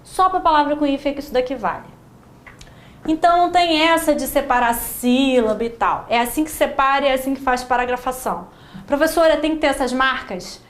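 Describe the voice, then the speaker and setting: High-voiced Brazilian woman teaching, roomy echo. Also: fairly quick. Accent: Brazilian Portuguese. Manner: lively, acts out students' questions in mocking voices. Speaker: writing teacher. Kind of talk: classroom lecture.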